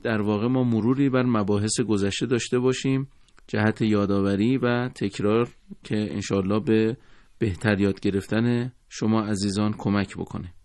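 A man teaching a recorded lesson on Quran recitation, speaking in a formal, courteous and measured way. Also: lowish voice, creaky, darkish tone, no room sound, clean studio sound.

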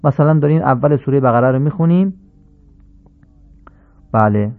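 A man teaching correct Quran recitation, slowly chanting short Arabic phrases as examples and explaining the mistakes between them. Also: mid-range voice. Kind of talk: radio lesson on recitation. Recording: narrow phone-like band, old radio tape.

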